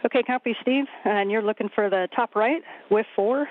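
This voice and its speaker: A man's voice: high voice, normal speed. A man as a mission control communicator, giving procedural instructions to astronauts over a radio transmission. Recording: tinny radio link with faint noise.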